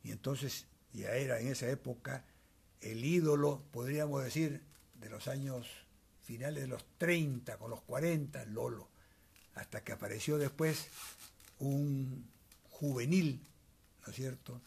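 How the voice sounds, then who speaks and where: Older man, gravelly, raspy, measured storyteller, handheld mic indoors. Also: medium pitch, darkish tone. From Peru. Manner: measured, storytelling, tags remarks with asides. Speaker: guest. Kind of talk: reminiscing interview. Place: small cluttered decorated room, indoors. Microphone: handheld wired mic held by interviewer.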